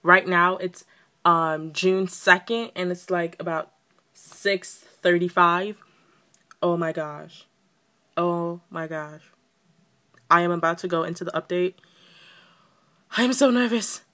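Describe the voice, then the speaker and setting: A young woman vlogging about a phone game, gushing and breathless, repeating herself in excitement. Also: on the low side, slow, pauses often. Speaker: mobile game player. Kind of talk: excited gaming vlog chatter.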